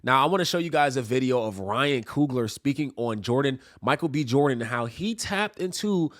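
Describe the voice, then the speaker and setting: A man hosting a reaction commentary, speaking earnestly and a little preachily. He leans on "okay?" to drive each point home, at a middling pitch. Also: expressive, moderate pace, fairly bright tone. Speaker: reaction video host. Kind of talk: commentary on played clips.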